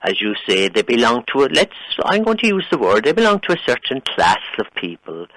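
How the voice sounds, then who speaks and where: A man's voice: mid-range voice, very animated, a little fast, fairly bright tone, no echo, rough recording. An Irish man arguing on a radio phone-in in an opinionated, emphatic, condescending way. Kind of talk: heated phone-in debate.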